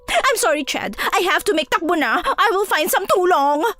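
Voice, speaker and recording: A woman's voice: very high voice, big pitch swings, moderate pace, bright, forceful tone, exaggerated voice. A woman voicing a vain, dramatic, spoiled rich young woman who speaks in a posh, whiny mix of English and Tagalog. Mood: terrified.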